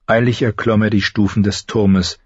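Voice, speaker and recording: Low, husky male audiobook narrator. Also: level tone, normal speed, darkish tone, no echo, muffled recording. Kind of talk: scripted narration.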